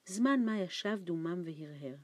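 A woman narrating a children's storybook aloud in a calm, measured reading voice. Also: lowish voice, no room sound. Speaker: audiobook narrator.

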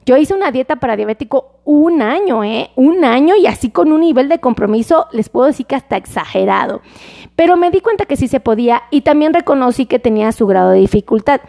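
A woman's voice: sits high, a little mellow. A Mexican woman doctor talking casually on a livestream, chatty and fond of diminutives, reading out viewer comments as she explains things simply. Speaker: doctor giving health advice on a livestream.

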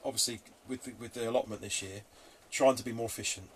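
A man's voice: mid-range voice, fairly even intonation, fast, breathy edge. A man from England with a southern English accent, chatting informally as a podcast co-host, thinking aloud in a matey way. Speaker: podcast co-host on allotment gardening. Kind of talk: casual chat. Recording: noisy background, rain on roof. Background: rain drumming on the roof.

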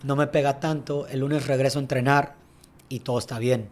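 Telling his story on a relaxed podcast, the young guest, a tennis coach, speaks fast and reflectively, dropping "¿sabes?" again and again. He has a medium-pitched, darkish voice that barely shifts in pitch.

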